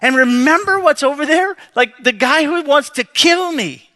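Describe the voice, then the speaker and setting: Preacher doing a jittery whiny guy begging not to go home, voice jumps way up high and gets loud and bright. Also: big pitch swings, moderate pace, exaggerated voice. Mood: panicky protest. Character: nervous reluctant biblical man, pleading.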